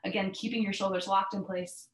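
A woman instructor guiding a stretching class with breathing cues in a calm, measured, step-by-step manner. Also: mid-range voice. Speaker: yoga and mobility instructor. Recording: echoey, roomy sound.

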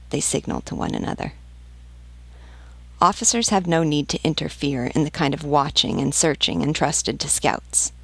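A woman narrates a classic novel aloud, in a measured, deliberate reading. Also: deep voice, vocal fry, no echo. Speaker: audiobook narrator.

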